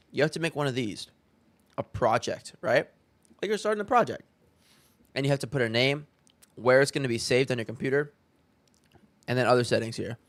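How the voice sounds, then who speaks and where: A man's voice: medium pitch, a bit bright. Young male streamer, offhand reaction chatter, swears casually. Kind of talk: casual live-stream commentary.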